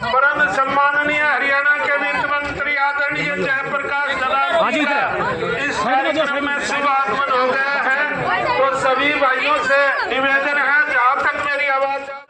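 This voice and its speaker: Guy booming political rally slogans on a far echoey loudspeaker, emphatic, loud noisy background. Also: monotone, unhurried. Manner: emphatic, exhorting, slogan-leading. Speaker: event announcer. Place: public community gathering. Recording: distant echoey PA, loud crowd noise.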